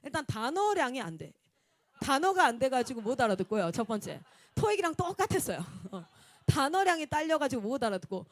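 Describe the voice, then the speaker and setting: A woman missionary, preaching a Sunday sermon and telling personal stories in a lively way. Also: sits high, brisk, no room sound. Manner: animated, acts out quotes and laughs often.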